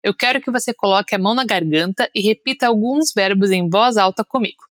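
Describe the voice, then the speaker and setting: A woman's voice: medium pitch, a little fast, dry recording, studio quality. A young woman from Brazil with a Brazilian Portuguese accent, an upbeat pronunciation teacher on a podcast, leading listeners through drills. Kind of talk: podcast lesson.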